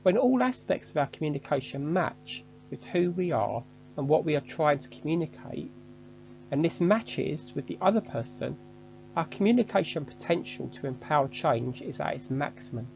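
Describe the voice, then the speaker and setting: A man giving a measured, structured, scripted online lesson as a course instructor. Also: a little high, big pitch swings, vocal fry, a little mellow, highs cut off, a little hiss or hum.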